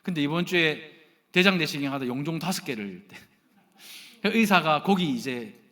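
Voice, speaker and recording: Lively high-voiced Gyeongsang pastor preaching. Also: male voice, measured pace. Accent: Gyeongsang Korean. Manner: animated, addresses the congregation directly and jokes with them. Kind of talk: sermon.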